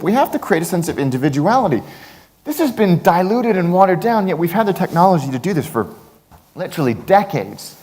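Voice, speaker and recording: A man giving a conference keynote talk, telling jokey stories with big swings in his voice. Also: in a large hall. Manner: animated, jokey storytelling with big pitch swings. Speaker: keynote speaker. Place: large conference hall.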